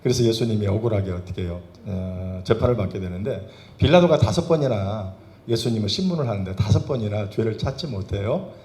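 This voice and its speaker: In a church sanctuary full of roomy reverb, a male pastor preaches a Sunday sermon, firing rhetorical questions at the congregation in emphatic bursts. His voice is on the low side, mellow, animated, and brisk.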